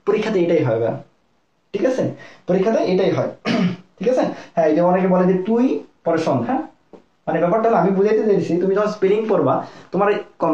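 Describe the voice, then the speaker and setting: Rapid-fire young male tutor, echoey lo-fi. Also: high-pitched, darkish tone. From Bangladesh. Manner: rapid, repetitive, keeps checking in with listeners. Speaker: medical admission tutor. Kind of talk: live online lesson. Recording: echoey, dull lo-fi room sound.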